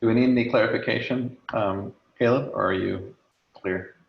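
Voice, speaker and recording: A meeting host shares his screen on an echoey, lo-fi video call, chatting casually with lots of fillers. His lowish, steady voice has vocal fry and a moderate pace, and he's losing it, clearing his throat along the way.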